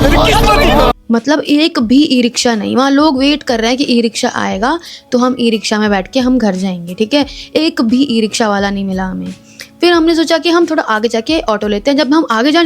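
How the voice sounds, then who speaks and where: Young woman vlogger, high voice, chatty and expressive, casual storytelling with English phrases mixed in, soft music underneath.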